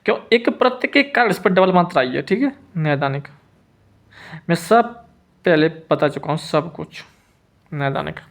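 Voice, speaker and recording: A man teaching spelling in a lesson, repeating each word slowly and checking in with the listener. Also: on the high side, expressive, creaky.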